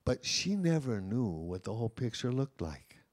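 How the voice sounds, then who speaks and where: A man's voice: mid-range voice, big pitch swings, moderate pace, darkish tone. A man, a professor of Hawaiian language, giving an informal lecture to a room of teachers in a conversational, anecdotal way, with frequent "you know" asides.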